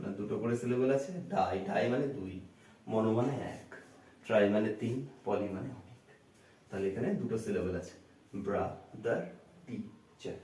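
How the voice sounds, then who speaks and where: A man gives a classroom English grammar lecture, slowly splitting words into syllables and posing questions to the class that he then answers himself. His voice is fairly low and dark, heard from a distance with a roomy echo and slight background noise.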